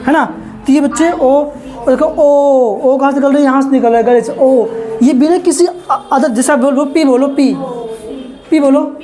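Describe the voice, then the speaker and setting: Teaching a basic English lesson to children, this woman has a high, slightly mellow voice. She goes over points patiently and more than once, quizzes her young listeners, repeatedly addresses them as "kids," and slips English terms into her speech.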